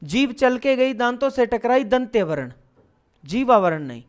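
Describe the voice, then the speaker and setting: A male teacher with a smooth, clear voice leads an online class. He poses questions and answers them himself, then chants syllables one after another in an even rhythm. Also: extremely high pitch, normal speed. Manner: explains step by step, asking and then answering his own questions. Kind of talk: online lesson.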